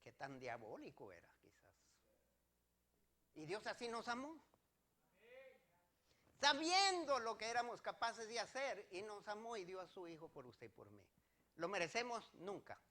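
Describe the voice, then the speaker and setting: A man's voice: high voice, very animated, unhurried, long pauses, pushed and bright. A male pastor preaching a sermon, rising to emphatic declarations and putting direct questions to the congregation.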